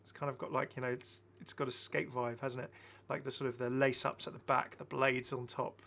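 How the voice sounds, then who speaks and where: A middle-aged man hosts a gaming video, chatting casually and enthusiastically through a skin showcase and often repeating his phrases. His mid-range voice is brisk, creaky and sharp, with little pitch movement.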